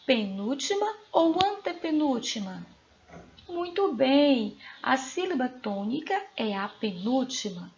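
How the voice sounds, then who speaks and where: A woman with a Brazilian Portuguese accent, a teacher giving a recorded lesson to young pupils, asking them questions slowly and clearly. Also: high voice, highs cut off, slight background noise. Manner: slow, clear, questioning delivery to children. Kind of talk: recorded remote school lesson.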